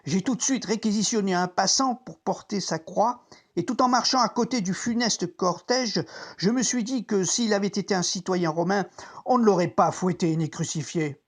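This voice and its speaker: An actor playing a troubled, conscience-stricken Roman centurion, reflecting deliberately in a dramatic biblical monologue as if talking to himself. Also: medium pitch, close to an everyday voice. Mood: reflective, ashamed. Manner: introspective, deliberate, theatrical.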